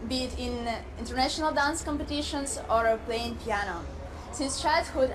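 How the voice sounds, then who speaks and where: A nineteen-year-old woman from Ukraine, giving an earnest, rehearsed pageant self-introduction. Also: high voice. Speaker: pageant contestant. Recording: noticeable background noise.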